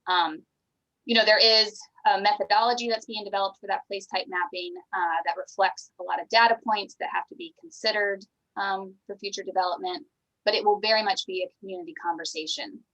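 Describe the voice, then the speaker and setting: An American woman city planner explaining the planning process clearly in a public meeting. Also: mid-range voice, fairly even intonation, brisk, a bit bright, lo-fi sound.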